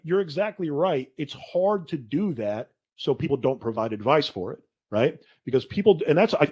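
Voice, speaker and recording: Guy hosting a podcast, chatty and animated, keeps saying dude, mid pitch. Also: husky. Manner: animated storytelling, says dude a lot. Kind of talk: casual conversation.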